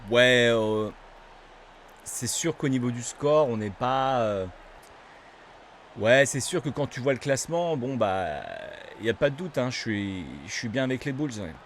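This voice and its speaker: A man giving casual gameplay commentary as a gaming YouTuber, chatty, swearing casually and bursting out loud at big plays. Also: mid-range voice, measured pace, slight background noise.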